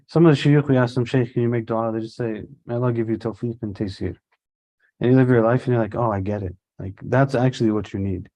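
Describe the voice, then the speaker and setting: A man's voice: mid-range voice, mellow. A man teaching a casual religious study-circle lesson, talking in a conversational way with everyday examples and Arabic religious terms mixed in.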